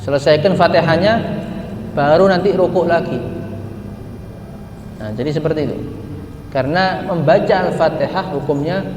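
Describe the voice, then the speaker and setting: A man's voice: fairly high pitch, slight background noise. Man teaching in an echoey hall. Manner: asks rhetorical questions, slowly chants Quran words as examples. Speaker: religious teacher. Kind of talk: religious study lesson. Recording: echoey hall with faint ambience.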